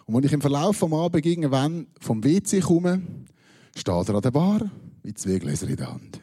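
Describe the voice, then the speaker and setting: A man's voice: fairly high pitch, big pitch swings, moderate pace, mellow, husky. A man from Switzerland with a Swiss German accent, telling a personal anecdote with dry, self-mocking humor and punchline timing. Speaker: storyteller. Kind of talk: personal anecdote told to an audience.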